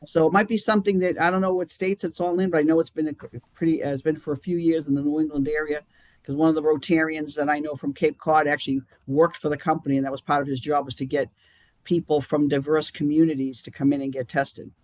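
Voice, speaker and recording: A man with a Boston accent answers questions on a live-stream interview, rambling and halting as he goes back and restarts his sentences. His voice sits a little high for a man. The sound is dry and close, with no room around it. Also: level tone, no echo. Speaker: guest.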